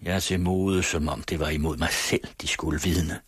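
A man narrates a classic story in a low, husky voice, his reading measured and solemn with an old-fashioned literary cadence. The sound is dry and close to the mic. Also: steady tone, no room sound. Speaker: audiobook reader.

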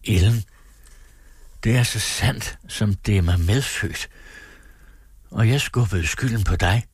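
A man's voice: lowish voice, husky, no echo, voice pushed up. A man reading aloud, voicing a brooding, troubled middle-aged man who speaks earnestly and unsurely.

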